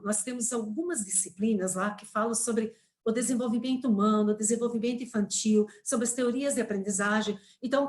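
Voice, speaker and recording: A Brazilian woman in her fifties lectures over a video call, patiently explaining and checking in with her listeners. Her voice sits a little high, and she leans on tag questions and fillers as she goes. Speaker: guest speaker, teacher trainer. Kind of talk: webinar lecture.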